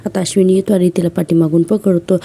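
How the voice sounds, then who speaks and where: A woman's voice: lowish voice, flat delivery, fast, mellow, husky. A woman reviewing a television serial episode, retelling the scenes step by step and speaking to her viewers directly. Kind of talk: episode recap narration.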